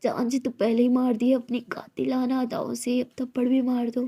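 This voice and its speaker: A woman voicing a playful, teasing young woman in love, talking in a soft, sometimes hushed way. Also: fairly high pitch, monotone, normal speed.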